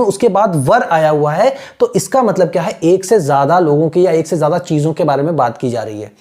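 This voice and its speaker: A man's voice: high voice, dark tone. A man teaching a textbook lesson, patiently explaining word by word and mixing in English.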